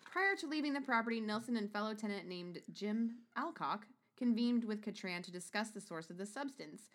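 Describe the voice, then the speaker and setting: A woman's voice: medium pitch, lively intonation, brisk. A woman co-hosting a casual true-crime chat, reading out case notes and breaking off into profane asides. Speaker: podcast co-host.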